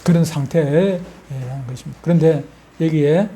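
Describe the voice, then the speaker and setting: Older Gyeongsang pastor, folksy preacher who quizzes his flock; mellow, dark tone. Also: a little high, moderate pace. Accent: Gyeongsang Korean. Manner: folksy, asks the congregation questions. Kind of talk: sermon.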